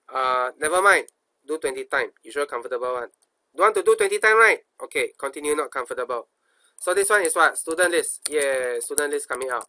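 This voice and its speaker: Man, Singaporean accent, bright forceful voice, mid pitch, informal programming instructor, colloquial, self-questioning. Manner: colloquial, asks himself questions, repeats phrases. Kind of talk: informal screencast coding tutorial, thinking aloud.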